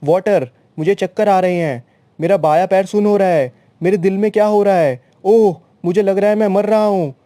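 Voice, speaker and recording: A man voicing an anxious, stubborn young neighbor who shouts in arguments. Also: high voice, moderate pace, dry recording, lightly acted. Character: anxious young male neighbor, touchy and hot-headed.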